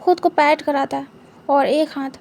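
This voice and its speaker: A young woman narrating a story in a soft, unhurried, intimate way. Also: sits high, fairly even intonation, vocal fry. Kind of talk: story narration in Hindi with English words.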